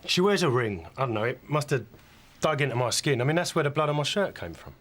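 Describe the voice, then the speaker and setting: An actor playing a defensive British man under police questioning in a TV drama, halting, emotional and pleading. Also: medium pitch, sing-song, fairly bright tone. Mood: subdued, defensive. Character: male suspect, defensive, agitated, pleading.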